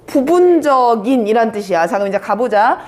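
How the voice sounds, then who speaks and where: A woman teaching an English vocabulary class, brisk and teasing, quizzing students by name. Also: a little high, lively intonation, a little mellow. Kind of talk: live online vocabulary class.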